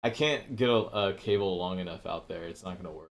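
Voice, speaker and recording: A man's voice: deep voice, fairly quick. A man hosting a casual livestream, rambling from topic to topic, swearing often and laughing a lot. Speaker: livestream host.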